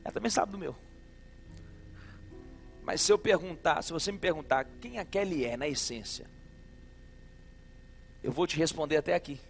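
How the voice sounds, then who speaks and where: A man's voice: a little high, expressive, normal speed, pauses often, in a large hall, faint music behind. A man with a Brazilian Portuguese accent preaching a sermon as pastor, emphatic and repetitive, talking straight to the congregation. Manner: emphatic preaching, repeating phrases, addressing listeners as brother. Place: church service hall.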